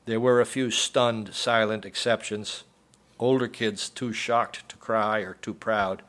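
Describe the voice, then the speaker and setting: A man with a fairly low voice reads his own short story aloud at a college event. His delivery is measured and steady, paced for a listening audience, the way an author presents his fiction. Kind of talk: literary reading to an audience. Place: college humanities center event.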